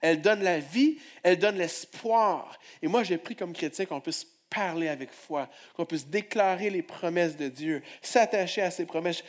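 Male pastor, fairly high voice, sermon with hushed prayers and booming calls to the crowd. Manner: swings from hushed prayer to loud exclamations; calls on the congregation to respond.

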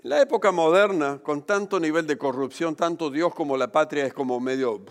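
A man preaching a sermon as pastor, emphatic, slowing down to stress key phrases. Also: on the high side. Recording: long hall reverb.

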